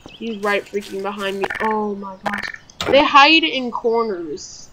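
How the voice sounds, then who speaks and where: A woman's voice: mid-range voice, a little slow, background noise. A woman giving let's play commentary, jumpy and yelping when startled. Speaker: gamer.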